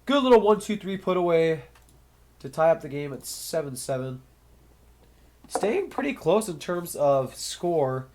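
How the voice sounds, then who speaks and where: Somewhat high and a little mellow, this young man's voice swings widely in pitch as he speaks unhurriedly, slightly nasal and stuffy from a cold, with a faint hiss or hum in the audio. He casually calls a match solo, play by play, pondering aloud between points.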